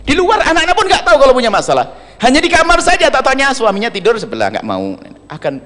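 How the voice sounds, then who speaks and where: A man's voice: very high-pitched, quick pace. Joking male preacher in a reverberant hall. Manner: humorous, animated preaching with acted asides. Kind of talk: sermon.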